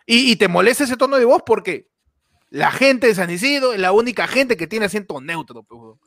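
Lively joking Peruvian man. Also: high-pitched, a little fast. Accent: Peruvian Spanish. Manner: loud, joking, laughs often, slangy. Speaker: podcast co-host. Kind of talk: casual comedy banter.

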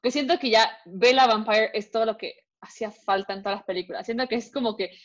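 A young woman co-hosts a podcast, chatting casually in Spanish and freely mixing in English words. Her voice is a little high and fast, and the recording is dull and lo-fi.

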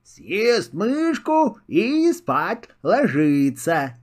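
A sleepy, weary mother hedgehog in a children's storybook, sighing as she speaks, put on by an older man. The delivery is slow with a lively pitch. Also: exaggerated voice.

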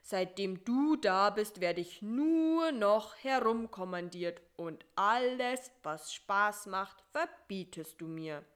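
A woman's voice: medium pitch, expressive, takes it slowly. A woman doing a grumbling, greedy spider. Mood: sulky grumbling. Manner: whiny, grumbling and drawn out. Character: greedy, grumbling male spider, sulky and gluttonous. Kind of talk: storybook reading.

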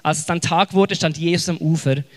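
Swiss German man giving a relaxed sermon, slightly higher voice, hunts for words, retells Bible stories in everyday speech. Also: brisk, in a large hall. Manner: searching for words, frequent fillers and restarts; retells scripture in casual, lively paraphrase. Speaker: preacher.

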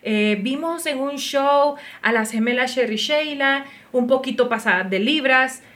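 A woman hosts a podcast conversation. She chats easily and keeps encouraging her guest. Her voice sits a little high. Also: a little slow, fairly bright tone. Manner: chatty, encouraging backchannel. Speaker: podcast host. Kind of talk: casual interview conversation.

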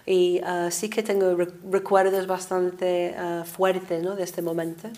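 A woman in her sixties from Liverpool with an English accent, a singing teacher chatting in an interview, animated and laughing often. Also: on the low side, a little slow. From England, Liverpool. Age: 60s. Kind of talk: casual interview conversation.

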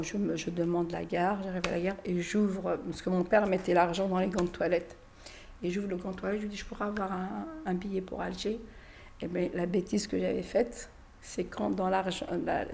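A middle-aged woman from France recounting her own life story, acting out what others said and sometimes dropping to a hush. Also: lowish voice, creaky, a little hiss or hum. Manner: acts out quoted dialogue in her story, drops to hushed asides. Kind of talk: personal storytelling.

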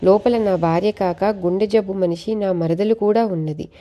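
A man's voice: high-pitched, normal speed, mellow, natural voice. A woman voicing a cowardly, stingy male merchant who talks nervously and pleads, in a read-aloud storybook tale. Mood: pleading.

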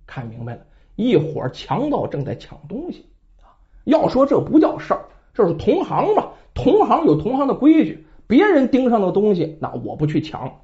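A storyteller narrating a bandit tale in a dramatic traditional style, with chatty asides to the listener. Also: mid-range voice. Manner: lively, dramatic, conversational asides. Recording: dull lo-fi recording.

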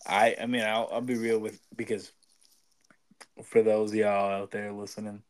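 Young dude rambling on a podcast, lots of um and you know, swears a bunch. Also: male voice, lowish voice, little pitch movement, normal speed. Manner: rambling with many restarts and fillers, swearing. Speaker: podcast co-host. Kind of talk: casual chat.

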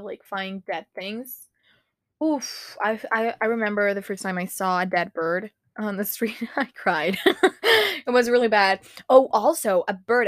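Young woman, solo podcast host; unhurried, giggly and foul-mouthed, reading a list aloud; dry close mic. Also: mid-range voice, no echo. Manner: giggly and frank, swears, reads a list aloud. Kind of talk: casual solo podcast chat.

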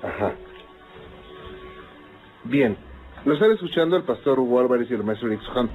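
Low-voiced male radio host, measured and calm, narrow radio band, music underneath. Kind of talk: radio call-in show. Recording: phone-like archive radio with music.

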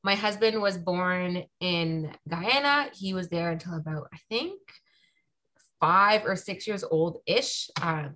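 A woman in her thirties from Toronto, chatting casually as a podcast guest with lots of ums and quick asides. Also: lowish voice, expressive, bright, forceful tone, a little hiss or hum. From Canada (Toronto). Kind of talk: casual conversation.

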